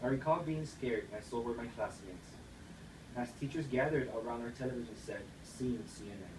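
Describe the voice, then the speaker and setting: A man's voice: medium pitch, normal speed. Young guy reading a persuasive speech, earnest, echoey room far from the mic, noisy. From United States. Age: young adult. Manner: earnest, read-aloud delivery.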